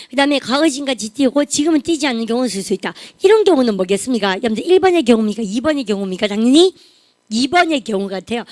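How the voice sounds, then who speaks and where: A woman teaching English grammar in a lively classroom lecture, often prompting the class to repeat phrases aloud. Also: high voice, dry recording. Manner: refers to herself as 쌤 (teacher). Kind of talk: classroom grammar lecture with call-and-response drills.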